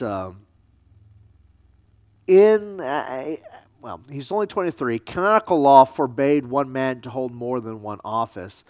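A man, a pastor teaching a church history class, lecturing casually with halting ums and wry, sarcastic asides. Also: medium pitch, a little mellow, no echo.

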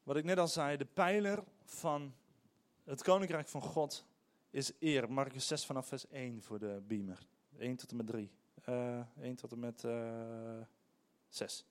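A middle-aged man, a pastor, preaching a sermon in an animated, emphatic way with frequent hesitations. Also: mid-range voice, a little slow.

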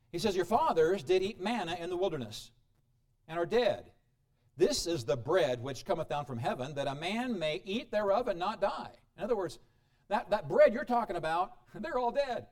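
A male preacher delivers a sermon in a high, very lively voice that swoops up and down. He reads scripture aloud and then explains it, dropping to a near hush and rising again with frequent chuckles. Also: moderate pace. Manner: dramatic shifts in pitch and volume, chuckles often.

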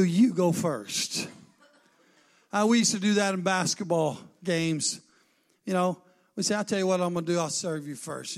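A male preacher with a strikingly high voice for a man delivers a fervent sermon. He retells a scripture story through dialogue, and his delivery lifts into a chanted, sing-song cadence before breaking into shouts at its peaks.

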